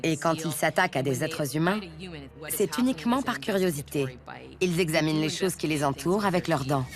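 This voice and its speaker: A man's voice: a little high, expressive, fairly quick. A man explaining as an expert interviewee in a documentary.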